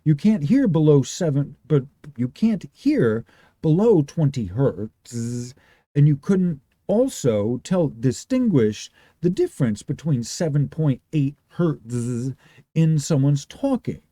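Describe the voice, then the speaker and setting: Talking to his regulars on a livestream, a man with a very dark, booming voice explains things off the cuff in a slow, sing-song manner with plenty of pitch movement. He rambles, keeps starting over and thinks aloud, recorded dry and close with no echo.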